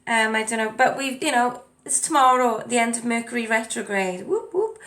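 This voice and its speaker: A woman's voice: a little high, fairly even intonation, a little fast, a bit bright. A woman giving a casual spiritual card reading, chatty, with lots of ums and you knows as she reads the card texts aloud. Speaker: tarot and oracle card reader. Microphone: desk mic at a home setup with ring light.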